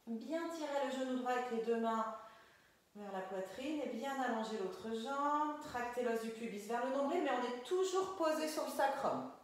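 A woman teaching a Pilates class, giving calm, gentle step-by-step cues and often checking in with "ok?". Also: fairly high pitch. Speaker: Pilates instructor. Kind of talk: guided exercise class. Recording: very echoey room.

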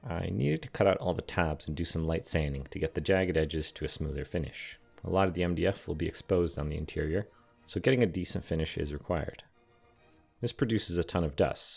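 A young man talks through his model build in a steady, matter-of-fact voice-over. His voice sits very low with a gravelly edge. Quiet music plays underneath. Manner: calm, explanatory, matter-of-fact. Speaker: scale model and terrain builder. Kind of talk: scripted voice-over narration. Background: soft background music.

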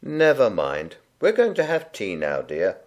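A man doing a brisk, cheery party mum. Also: lowish voice, huge pitch swings. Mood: soothing. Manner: bright and cheery, sharpening to stern. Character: kindly but strict mother hosting a party.

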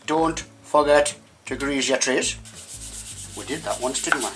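A man's voice: mid-range voice, unhurried, background noise. A middle-aged man cooking in a home kitchen with his daughter, chatty and joking as he explains each step. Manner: jokey, chatty, explaining as he cooks. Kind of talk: casual kitchen chat. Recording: background music under voice.

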